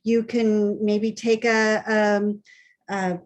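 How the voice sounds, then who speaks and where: A woman's voice: medium pitch, little pitch movement, extremely slow. A woman speaking as a hospice nurse, giving reassuring, plain-spoken advice in a conversational way. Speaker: hospice nurse answering volunteers' questions. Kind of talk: conversational advice on a group call.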